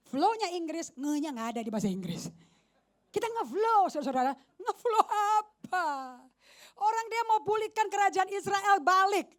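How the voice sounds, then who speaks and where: A woman pastor giving a lively, joking sermon at a church service, slipping in English phrases and often asking the congregation questions. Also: high voice. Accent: Indonesian. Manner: animated, mixes English phrases, jokes with the congregation.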